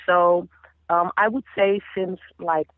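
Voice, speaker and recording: Taking it slowly with a steady tone and fairly low pitch, a woman singer in her thirties from the Caribbean, first language Papiamento, speaks as an interview guest over the phone. The recording is dry, and in this casual chat she tells animated stories, often starting over.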